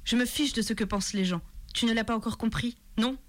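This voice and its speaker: A woman's voice: on the high side, fairly quick, close to an everyday voice. A woman reading aloud who voices a kind, protective blacksmith father who pleads with his wife and daughter.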